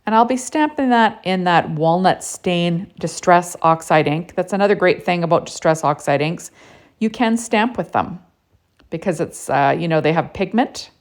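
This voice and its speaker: A woman's voice: on the low side, moderate pace. A woman narrating a casual card-making tutorial in a chatty way, with lots of "you know" and "right?".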